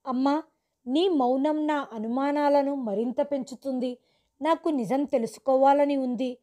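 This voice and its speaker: A harsh, demanding young man who confronts his mother with loud, forceful questions, read by a woman narrator. The voice sits high, with a dark, mellow tone. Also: fairly even intonation, a little slow. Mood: angry.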